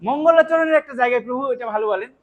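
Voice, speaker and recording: A man teaching how to pronounce scripture verses, explaining patiently and chanting lines slowly as examples, often checking that his listeners follow. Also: very high-pitched, narrow, tinny audio. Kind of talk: devotional recitation lesson.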